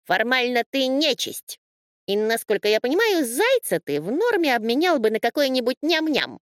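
Woman voicing a high, dreamy know-it-all sheep. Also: sing-song, dry recording, clean studio sound. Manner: slow, dreamy, rambling pronouncements. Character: odd, know-it-all female stray sheep. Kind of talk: storybook reading.

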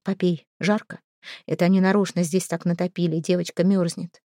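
A woman voicing a sharp-tongued, weary healer who scolds and gives orders in a raised voice. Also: lowish voice, little pitch movement, fairly quick, no room sound, studio quality, natural voice. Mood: commanding.

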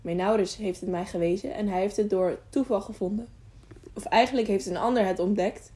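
A woman's voice: mid-range voice, a little fast, natural voice. A woman voicing an eager, curious young mountain boy who asks question after question in a storybook reading. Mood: chatty. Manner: lively, eager, sometimes whispering excitedly.

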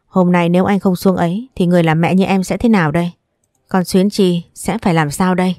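A stern middle-aged man in a storybook, bitter and reproachful, as a woman narrator reads his lines. The voice is low and mellow, and it sounds dry and close. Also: steady tone, brisk, no echo, lightly acted. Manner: scolding, bitter.

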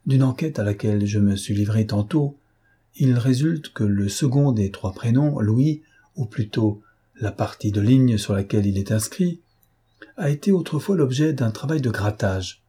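A man voicing a suave gentleman thief in an audiobook, speaking gently and persuasively. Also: medium pitch, lively intonation, moderate pace, slightly rough. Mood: probing.

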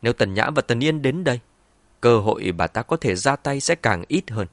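Man, audiobook narration, dramatic, lively pitch, dry close recording. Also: normal speed, no room sound. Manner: expressive, dramatic reading. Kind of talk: audiobook narration of a web novel.

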